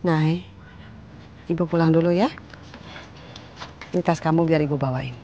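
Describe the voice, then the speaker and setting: A gentle older grandmother. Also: sits low, steady tone, unhurried, muffled recording, a little hiss or hum. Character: gentle older mother calming her family. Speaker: grandmother in a TV drama. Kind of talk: TV drama acting.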